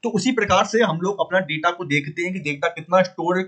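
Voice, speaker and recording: Higher-voiced man teaching coding casually. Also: a bit bright. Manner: repeats points, asks and answers own questions; frequent pauses to fix the drawing. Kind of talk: casual screen-drawing coding lesson.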